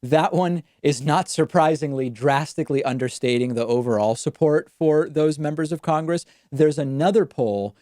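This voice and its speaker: Mellow-voiced man hosting a political call-in. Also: medium pitch, no room sound, clean studio sound. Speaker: host of a political call-in show. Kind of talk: unscripted political commentary.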